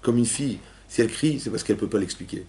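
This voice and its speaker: A man teaching a lively class to young women, asking questions and acting out cries and quotes. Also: fairly low pitch, fast, a little hiss or hum. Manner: animated, asks questions, acts out cries and quotes. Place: synagogue hall with young women students.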